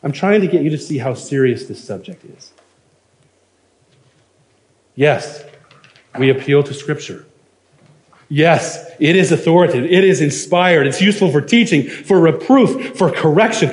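A man's voice: fairly high pitch, animated, normal speed, long pauses. A man preaching a sermon, earnest and emphatic, reading quotations aloud and building to firm points. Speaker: pastor.

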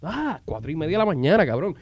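A man's voice: fairly high pitch, quick pace, husky, no room sound. A Puerto Rican man hosting a casual podcast chat, telling stories animatedly and acting out what people said. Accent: Puerto Rican Spanish. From Puerto Rico. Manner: animated storyteller, acts out quotes, swears casually. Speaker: podcast host.

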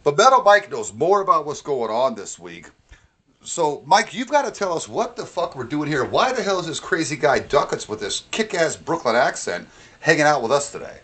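Man from upstate New York, lively swinging intonation, casual podcast host, sweary storyteller. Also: on the high side, moderate pace. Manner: animated, profane, acts out quotes.

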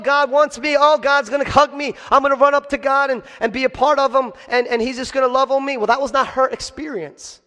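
A male pastor preaching a sermon, telling stories animatedly and asking the congregation rhetorical questions. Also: high voice. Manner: animated storytelling. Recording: long hall reverb.

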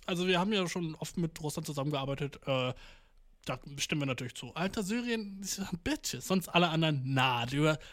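Slangy young man, lively reaction chatter. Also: on the high side. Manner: slangy, swearing, mixing English words; mock voices for countries. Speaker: streamer reacting to news. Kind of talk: casual reaction commentary.

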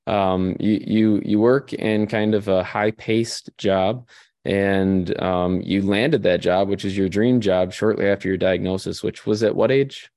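Midwestern male podcast host, very low voice, dry close sound, joking and rambling. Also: fairly even intonation, unhurried, a little mellow, dry recording. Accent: Midwestern American. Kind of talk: casual podcast chat.

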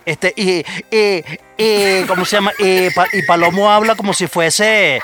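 A man's voice: high voice, steady tone, unhurried, music in the background. A Venezuelan man co-hosting a comedy podcast, swearing and doing mocking impressions in rowdy banter. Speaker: podcast co-host.

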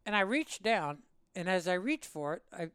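A man in his seventies from Illinois, a veteran telling a war story in an interview, rambling and animated. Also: high-pitched, normal speed, clean tone, no echo, clean studio sound. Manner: rambling and animated, with laughs and acted-out quotes. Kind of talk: oral-history storytelling.

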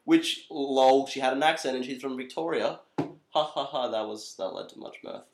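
A man's voice: mid-range voice, moderate pace, reverberant, background noise. A young Australian man co-hosting a comedy podcast, talking in a casual chat with dry, self-mocking humor. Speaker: podcast co-host.

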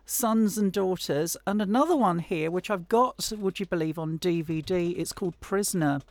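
A woman's voice: lowish voice, normal speed, darkish tone, no echo. A woman hosts a podcast interview, chatty and enthusiastic as a fan. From United Kingdom. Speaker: podcast host. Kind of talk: conversational interview.

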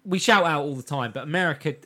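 A man's voice: a little high, fast, sharp tone. A man chatting casually and earnestly as a podcast co-host, sounding appreciative. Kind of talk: casual chat.

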